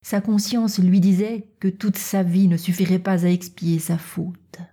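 A woman reading a classic novel aloud as an audiobook narrator, softly and at times half-whispered. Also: fairly low pitch, flat delivery, unhurried, breathy edge. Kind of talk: scripted narration.

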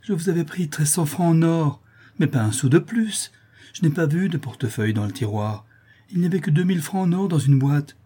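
A man's voice: fairly high pitch, animated, a little fast, mellow, slightly rough, voice pushed up. Man doing a frightened young clerk begging. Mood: pleading. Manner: pleading, stammering.

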